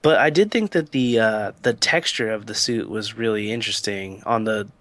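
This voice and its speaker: A man's voice: on the low side, moderate pace, dry recording. A man co-hosting a podcast, chatting casually and rambling with lots of fillers. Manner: relaxed, rambling, lots of "like" and "you know". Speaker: podcast co-host.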